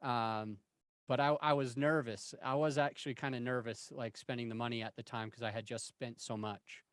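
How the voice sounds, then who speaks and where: A man's voice: mid-range voice, steady tone, normal speed, clear, resonant tone, dry recording. A man of forty-one telling candid, self-deprecating stories in a casual interview, rambling and restarting his sentences. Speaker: interview guest.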